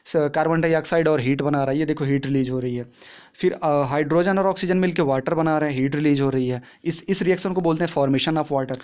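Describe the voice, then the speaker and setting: A man's voice: a little high, brisk, darkish tone, clear, resonant tone. A young man teaching a science lesson in a chatty classroom way, asking questions and answering them himself. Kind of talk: casual classroom explanation.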